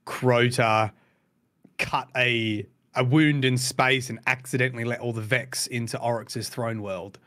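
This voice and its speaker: Bright-voiced man laughing through lore. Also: medium pitch, fairly even intonation, unhurried. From outside the US. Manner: laughs often, retells lore with playful put-on quotes. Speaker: podcast co-host. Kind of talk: casual podcast chat.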